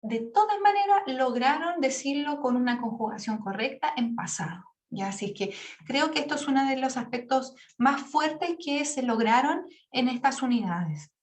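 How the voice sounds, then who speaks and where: A woman's voice: high-pitched, animated. A woman teacher giving patient, explanatory feedback on an exam to her class, often checking in with the students. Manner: patient, explanatory, checks in with frequent tag questions; demonstrates word pronunciation slowly. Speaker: English teacher.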